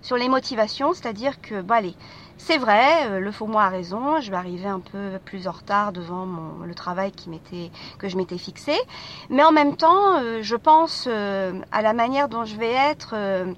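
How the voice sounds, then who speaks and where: Woman podcaster, casual street monologue, halting delivery, vehicles rumbling past. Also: lively intonation. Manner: hesitant, many fillers and restarts. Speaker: podcast host. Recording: street noise with passing vehicles.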